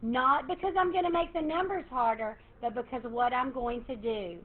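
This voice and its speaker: A woman math teacher, lecturing her class in a lively, encouraging way and quizzing students. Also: high voice, moderate pace. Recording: tinny phone-like classroom recording, faint hiss.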